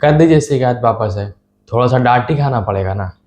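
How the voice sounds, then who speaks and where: A man's voice: medium pitch, brisk, a little mellow, natural voice. Man as a grumbling teenage son, comedy sketch, backtalk, stubborn.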